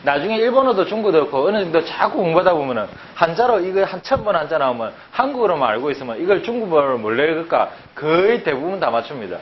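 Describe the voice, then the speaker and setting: A man teaching a language class, lively and drilling words by repeating them with rhetorical questions. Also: fairly high pitch, fast, few pauses. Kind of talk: classroom lecture. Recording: dull lo-fi sound, faint background noise.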